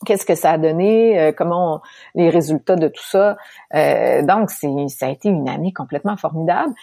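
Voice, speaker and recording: A middle-aged woman from Quebec with a Québécois accent, telling her story as an interview guest, animated and laughing often. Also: deep voice, moderate pace, vocal fry, no room sound, studio quality. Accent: Québécois French. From Quebec, Canada. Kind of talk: candid storytelling in conversation.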